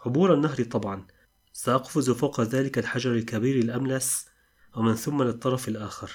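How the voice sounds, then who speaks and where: A man's voice: mid-range voice, steady tone, quick pace, husky, natural voice. A man voicing a curious male bear who asks questions about the forest in a storybook. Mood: puzzled. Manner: questioning, surprised.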